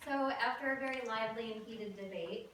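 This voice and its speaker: A woman in her thirties tells a funny story from her teens on stage, dry and self-mocking, her voice slightly high. She is heard from a distance in a very echoey room, with a light hiss underneath. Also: fairly quick. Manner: wry, self-mocking comic timing. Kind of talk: live comic storytelling. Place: theater stage with live audience. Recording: roomy, distant live stage recording.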